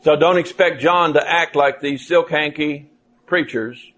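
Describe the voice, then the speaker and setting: Lively man preaching a folksy sermon. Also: fairly high pitch, unhurried. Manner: animated storytelling, mimics voices in quotes.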